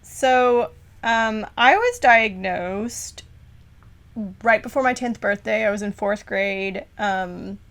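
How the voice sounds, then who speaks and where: A woman's voice: mid-range voice, fairly bright tone. A young adult woman co-hosting a casual podcast, rambling and filling her talk with "like.". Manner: rambling, heavy use of "like" fillers. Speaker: podcast co-host.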